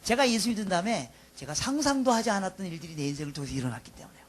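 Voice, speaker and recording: Animated high-voiced preaching man in his fifties. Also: racing. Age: 50s. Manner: animated, swings from loud emphasis to soft asides. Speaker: pastor. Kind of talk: sermon.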